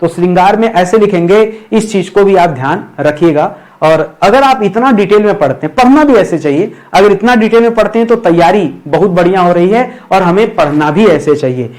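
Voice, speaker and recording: A man's voice: sits high, animated, normal speed, a little mellow. A man teaching an exam-prep video lesson, repeating each word, asking himself questions and checking in with viewers. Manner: repeats words and asks himself rhetorical questions; keeps addressing viewers as friends. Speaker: Hindi grammar teacher.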